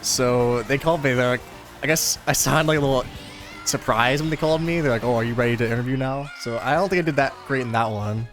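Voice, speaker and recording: This young man runs a gaming channel and chats through a racing game session with faint music behind him. His mid-range voice is fairly quick and a bit bright, and his laid-back tale meanders with plenty of fillers.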